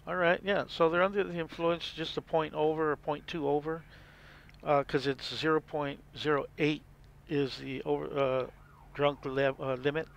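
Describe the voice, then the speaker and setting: A man's voice: fairly high pitch, level tone, moderate pace, gravelly. A man hosting a gameplay video, explaining casually and rambling as he plays. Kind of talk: casual game commentary.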